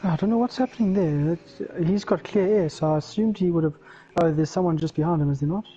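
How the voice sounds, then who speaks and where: A man's voice: fairly high pitch, fast talker, dark tone, slightly rough, muffled recording. A man co-commentating on a sim race, thinking aloud about what drivers are doing. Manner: thoughtful, speculating on drivers' moves. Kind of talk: live sim-racing commentary.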